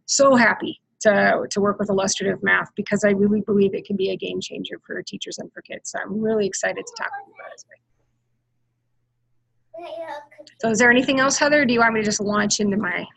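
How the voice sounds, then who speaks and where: A woman's voice: medium pitch, quick pace, vocal fry, a bit bright, breathy edge, no echo, rough recording. A woman leading an online workshop for math teachers over a video call, upbeat and chatty, with many fillers. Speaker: math professional learning facilitator.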